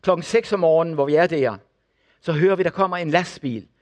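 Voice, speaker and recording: Older guy preaching, kinda high voice, tells stories and does everyone's lines. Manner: animated storyteller acting out the people in his stories. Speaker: preacher and former missionary. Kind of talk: sermon testimony.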